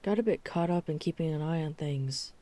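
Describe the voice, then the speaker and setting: In an ASMR roleplay audio drama, a woman lightly acts the part of a guarded, weary vampire hunter who is secretly a vampire herself. Her voice sits low and mellow, and she speaks in a measured, serious way.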